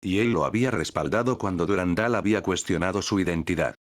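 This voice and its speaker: A man reading a fan fiction story as scripted audiobook narration, in an even, steady manner. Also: sits low, fast, dry recording.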